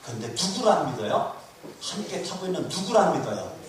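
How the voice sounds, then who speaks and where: A man's voice: on the high side, big pitch swings, fast talker. Preaching man in an echoey hall. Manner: call-and-response preaching, rhetorical questions, emphatic repetition. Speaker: pastor. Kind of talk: sermon. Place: church hall. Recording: echoey hall recorded from a distance.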